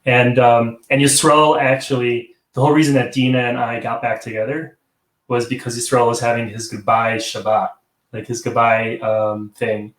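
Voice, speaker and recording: A medium-pitched man with a fairly bright tone and little pitch movement runs a live online theater talk show via video call, speaking at a moderate pace. He keeps things casual, rambling, chuckling and restarting frequently. The stream sounds roomy and echoey.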